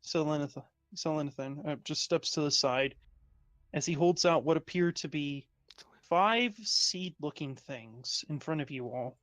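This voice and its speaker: A man narrating a tabletop game as game master, often halting and correcting himself. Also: on the high side, a bit bright, no echo. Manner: halting, self-correcting delivery.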